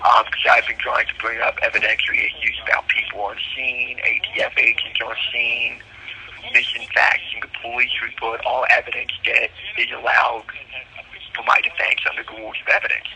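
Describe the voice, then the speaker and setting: A man calling over a prison phone line, recounting his court troubles earnestly and haltingly, with frequent ums and restarts. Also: medium pitch, completely flat delivery, noisy background. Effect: heard over a prison phone line.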